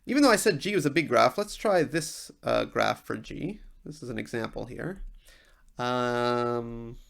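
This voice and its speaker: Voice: medium pitch, animated, measured pace, creaky. A university lecturer giving an informal technical explanation, thinking aloud with small asides along the way.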